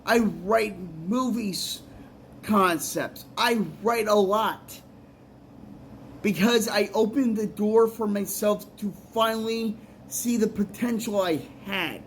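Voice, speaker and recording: A man's voice: high voice, slow, a little hiss or hum. A man, a musician and poet, giving rambling, earnest advice in a casual vlog, often repeating himself.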